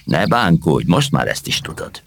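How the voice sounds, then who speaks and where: A man voicing a young beetle king who is a gentle, noble knight, speaking in a calm, kindly and teaching manner in a storybook reading. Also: very deep voice, gravelly, no room sound, heavily acted.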